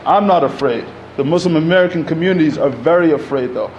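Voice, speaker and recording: A panel speaker in his thirties from Egypt talks unscripted into a podium microphone inside a community center hall. His voice is a little high for a man and a little mellow, and he moves at a quick pace through loose, conversational speech full of fillers and restarts. The audio is dull, with faint hiss and room noise underneath.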